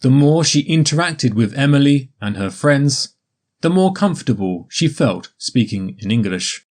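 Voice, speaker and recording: A man narrating a graded story for English learners in a slow, careful, evenly paced reading. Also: medium pitch, lively intonation, darkish tone.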